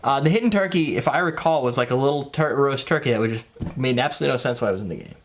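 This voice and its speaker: A man's voice: medium pitch, lively intonation, very fast, a little hiss or hum. A man in his thirties hosting a casual, joking chat about cocktails. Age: 30s. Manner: joking, rambling, teasing. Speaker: host.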